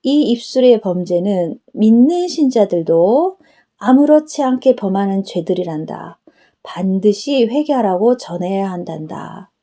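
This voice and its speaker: A woman's voice: mid-range voice, animated, measured pace, mellow. A woman preacher voicing Jesus as a tender, solemn, fatherly figure who instructs her. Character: Jesus, gentle fatherly male divine voice.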